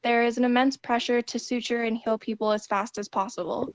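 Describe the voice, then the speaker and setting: Patriotic army nurse in her twenties woman performer, higher-pitched, earnest and measured, dry recording, wartime radio interview. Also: level tone, no echo, lightly acted. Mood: solemn, steadfast. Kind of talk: scripted 1940s war radio interview.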